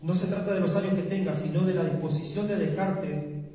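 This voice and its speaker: A man's voice: sits high, fairly even intonation, fairly quick, warm tone. A young man preaching a sermon to his congregation, earnest and building to emphatic lists. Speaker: pastor. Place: church hall. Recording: echoey church hall, mic far off.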